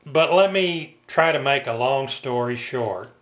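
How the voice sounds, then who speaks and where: An older man telling personal stories casually, in a halting, reflective, unscripted way. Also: mid-range voice, animated, a bit bright. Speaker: military veteran reminiscing. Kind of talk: casual personal storytelling to camera. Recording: roomy, echoing home recording.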